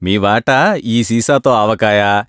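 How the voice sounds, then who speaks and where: A man voicing a cheerful young man who chats in a friendly, lively way. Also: fairly low pitch, takes it slowly, clean tone, dry recording, clean studio sound.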